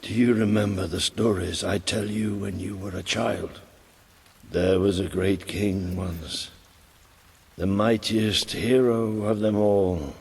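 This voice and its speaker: An actor playing a dying, fatherly old soldier in a video game, weak and breathy with a gravelly voice. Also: lowish voice, steady tone, slow, a little mellow, full character voice. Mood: tender, fading. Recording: noisy game capture with rain.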